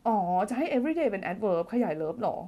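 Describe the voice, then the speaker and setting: A woman's voice: mid-range voice, very animated, moderate pace, mellow. A woman teaching English grammar on a live stream, reading out viewer comments, chatty and playful, laughing often and humming as she thinks aloud. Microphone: phone or desk mic for a live stream.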